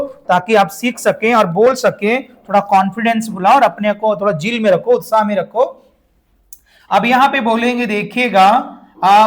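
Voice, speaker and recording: A man with a fairly high voice and an Indian accent teaches English grammar to his class. He stretches out the example sentences slowly and keeps asking students to say them back. He addresses them as "brother" and "dear". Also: a bit bright. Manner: drills phrases slowly and asks the class to repeat.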